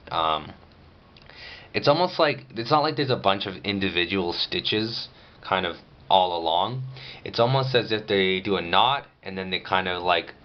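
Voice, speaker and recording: A man's voice: sits low, highs cut off. A man giving a casual, rambling video diary update, speaking matter-of-factly with restricted jaw movement after jaw surgery.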